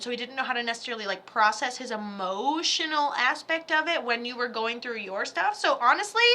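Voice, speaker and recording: A woman working as a psychic medium, giving a chatty, animated reading over a video call with quick asides and the odd swear. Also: a little high.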